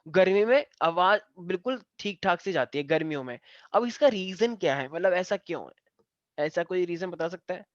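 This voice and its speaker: A man's voice: high voice, lively intonation, moderate pace, dry recording, dull audio. A man teaching a science class, explaining step by step and joking with his students. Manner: playful, joking and teasing students. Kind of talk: live online class lesson.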